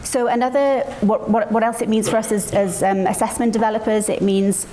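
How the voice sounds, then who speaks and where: A woman giving a conference presentation in an earnest, deliberate way, stressing and restating her points. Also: medium pitch, steady tone, warm tone, slight background noise, low-quality recording. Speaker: panel speaker on assessment.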